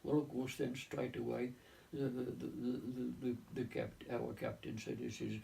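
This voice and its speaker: A man in his nineties, a navy veteran recounting his wartime service in an oral-history reminiscence, halting and full of restarts and repeated words. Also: mid-range voice, level tone, gravelly, dark tone, slight background noise. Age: 90s. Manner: leans on stock phrases like "of course" and "lo and behold". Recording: voice distant from the mic.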